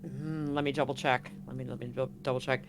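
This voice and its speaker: A man with a medium-pitched, level voice talks fast and casually as game master of a tabletop roleplaying game. He describes scenes and explains rules during a live online game stream.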